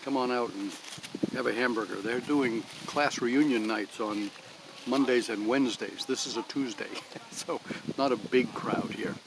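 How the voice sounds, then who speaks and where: An older man chatting casually in a homey, rambling way at a picnic table in a pine grove, recorded on a phone. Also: medium pitch. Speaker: vlogger. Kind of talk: casual outdoor vlog. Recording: outdoor phone recording with clear background noise. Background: breeze, traffic and rustling leaves.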